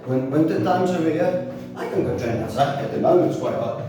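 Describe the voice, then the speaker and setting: A man's voice: fairly high pitch, lively intonation, recorded from a distance. Echoey earnest man in his forties. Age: 40s. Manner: earnest, preaching, loose with restarts and pauses. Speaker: fitness and faith vlogger. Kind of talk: motivational monologue to camera. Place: small bare home training room with rubber mats. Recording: very echoey room, voice off-mic, music behind.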